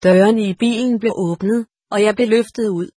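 A woman calmly reading a story aloud as an audiobook narrator. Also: mid-range voice, husky, dry recording, studio quality. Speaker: audiobook reader.

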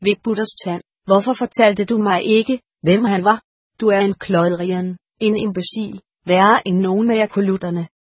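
A woman's voice: medium pitch, fairly even intonation, breathy edge, no room sound, studio quality, close to an everyday voice. A woman voicing a pompous, irritable old male monastery steward who scolds and grunts to himself, in an audiobook. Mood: scolding. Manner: blustering, scolding, grunts "hmmm". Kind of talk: audiobook character voice.

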